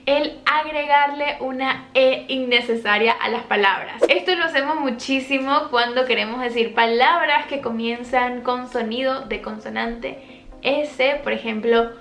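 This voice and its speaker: A woman from Latin America gives an online language lesson in a high, bright-pitched voice. She speaks slowly and patiently, and the sound carries some room echo with soft music faintly behind her. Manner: clear, patient explaining with slowed-down example words. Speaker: English teacher.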